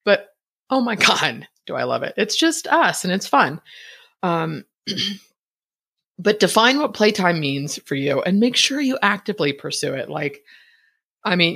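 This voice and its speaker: A woman in her fifties hosting a podcast, talking through a personal reflection quickly and a bit mumbled, laughing often. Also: fairly low pitch, vocal fry, a bit bright, husky. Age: 50s. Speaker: podcast host.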